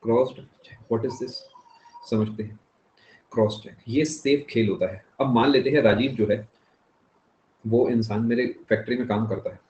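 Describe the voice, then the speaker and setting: A man's voice: mid-range voice, steady tone, normal speed, darkish tone. A man teaching an economics class, explaining step by step, slipping into English phrases and checking if students follow. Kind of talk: classroom lecture. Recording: dull, echoey classroom recording.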